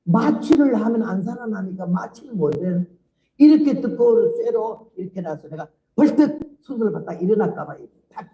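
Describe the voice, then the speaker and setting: Animated older woman preaching testimony. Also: medium pitch, roomy sound, low-quality recording. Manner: animated, vivid storytelling with laughs. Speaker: missionary preacher. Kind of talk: sermon testimony.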